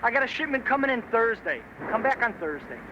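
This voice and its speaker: A man's voice: very high-pitched, sing-song, fairly quick. An actor playing a wary, blunt male auto parts dealer, from a film soundtrack. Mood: suspicious. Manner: suspicious, blunt. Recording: dull film soundtrack with loud background noise.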